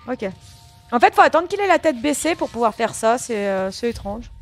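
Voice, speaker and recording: A woman's voice: fairly high pitch, lively intonation, normal speed, soft background music. A woman giving casual gameplay commentary, chatting to her viewers and grumbling back at the game. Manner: chatty, talks back to the game and swears lightly at it; addresses viewers as friends. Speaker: gaming channel host.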